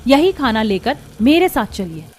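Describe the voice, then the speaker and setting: A woman's voice: fairly high pitch, very animated, moderate pace, darkish tone, a little hiss or hum. A woman voicing a bold young daughter-in-law. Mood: firm. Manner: firm and questioning. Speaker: voice actor. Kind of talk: cartoon voice acting.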